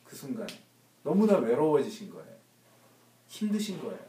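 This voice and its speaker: A man's voice: mid-range voice, very animated, normal speed, warm tone. A man leading a church Bible study. He speaks emphatically and asks the group rhetorical questions. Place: church room. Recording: roomy, distant mic, faint noise.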